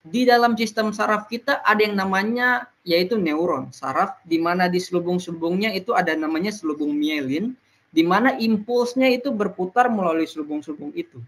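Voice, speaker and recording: Here a presenter with a mid-range, fairly bright voice teaches peers in an educational talk, breaking things down point by point and often stopping on "nah".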